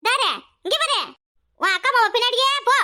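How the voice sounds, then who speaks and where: A woman with a southern Tamil village dialect voicing a jealous, sharp-tongued older wife who scolds sarcastically in a cartoon. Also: very high voice, normal speed. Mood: scolding. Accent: southern Tamil Nadu village dialect. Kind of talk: cartoon voice acting.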